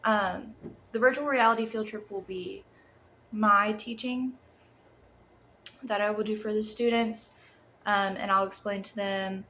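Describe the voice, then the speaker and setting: A young woman talks through a lesson plan in a mid-range voice, as if her jaw is sore and stiff from dental work. Her delivery is informal, hesitant and a little apologetic. Room noise is clearly audible behind her. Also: mid-range voice, steady tone, measured pace, long pauses, pushed and bright. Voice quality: slightly muffled speech, stiff sore jaw. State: sore jaw after wisdom tooth removal. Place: apartment room.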